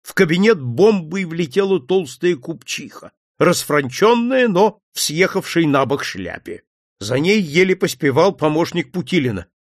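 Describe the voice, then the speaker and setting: A man reading a classic detective story aloud in an expressive, theatrical way. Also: fairly high pitch, normal speed, no echo, clean studio sound. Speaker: narrator.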